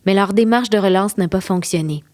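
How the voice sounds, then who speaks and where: A woman's voice: medium pitch, a little fast, a little mellow, no echo, clean studio sound. A woman with a Québécois accent hosting and narrating a history walking tour podcast, playful and enthusiastic, with teasing asides to her listeners. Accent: Québécois French. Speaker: podcast host and tour guide.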